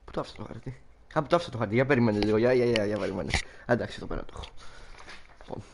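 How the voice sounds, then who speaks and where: A man's voice: on the low side, vocal fry, noisy background. A young man chatting playfully and rambling as he streams himself playing a game. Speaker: gameplay streamer. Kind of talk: casual live commentary over a game.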